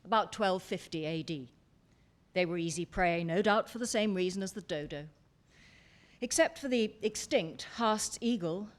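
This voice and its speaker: A woman reading passages from a book aloud in steady, clear narration. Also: mid-range voice. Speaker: co-reader of the book's passages. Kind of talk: scripted narration.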